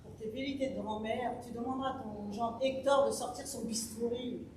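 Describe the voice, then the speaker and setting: Woman acting sardonic grown son, mocking, slightly high voice, far from mic, roomy hall, noisy. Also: steady tone, a little fast, natural voice. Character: sarcastic grumbling grown son. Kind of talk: amateur stage play. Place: theatre stage. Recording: echoey hall from far off, loud noise.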